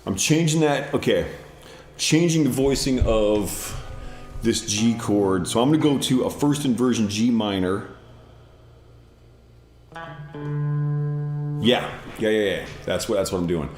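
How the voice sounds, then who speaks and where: A man streaming while he composes, thinking aloud in a halting, self-correcting way in casual livestream talk. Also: lowish voice, animated. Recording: roomy sound with guitar behind.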